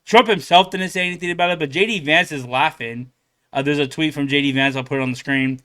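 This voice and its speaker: Young male commentator, loose and filler-heavy, bright and smooth, slightly high. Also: fast talker. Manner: rambling, filler-heavy, laughs often. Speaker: reaction channel host. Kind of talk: casual commentary.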